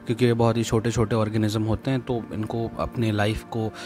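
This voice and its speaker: A man's voice: on the low side, level tone, a little fast, darkish tone, faint music behind. A male biology teacher giving a classroom lecture that mixes Hindi and English, explaining step by step, repeating key terms and throwing in jokey asides.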